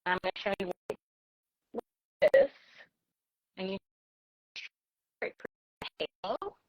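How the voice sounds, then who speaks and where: A woman, a guest ceramic artist, gives a casual live demonstration over a video call whose audio keeps cutting out. She talks haltingly, with frequent fillers. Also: medium pitch, huge pitch swings, no room sound, rough recording. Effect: audio keeps cutting out over a glitchy video call.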